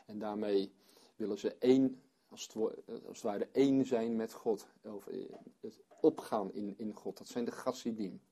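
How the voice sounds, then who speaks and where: A man's voice: fairly low pitch, dark tone, slightly rough. A man leading a Bible study for a small group, reading scripture aloud and then explaining it as he thinks aloud.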